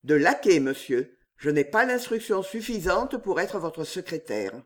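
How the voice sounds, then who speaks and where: A man's voice: high-pitched, very animated, a little slow. A man reading an audiobook, voicing a proud, brooding young male servant who speaks with an intense, fierce timidity. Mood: restrained.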